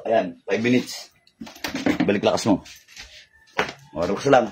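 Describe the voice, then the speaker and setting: A man's voice: on the low side, unhurried. A man leading a healing session as a faith healer, sternly scolding and pressing with repeated questions. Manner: stern, keeps demanding "ha?". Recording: noisy room recording.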